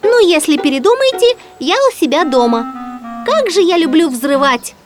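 Lady putting on a squeaky bragging gopher guy from a storybook, bouncy voice, music behind. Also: sing-song, moderate pace. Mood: gleeful. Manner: eager, boastful. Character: boastful explosive-loving male gopher.

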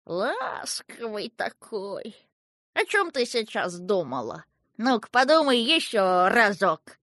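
A woman voicing a quick-tempered old male river king who grumbles and shouts, as an audiobook character. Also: medium pitch, very animated, no room sound, clean studio sound. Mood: coaxing. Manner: gruff, grumbling, shouting when angry.

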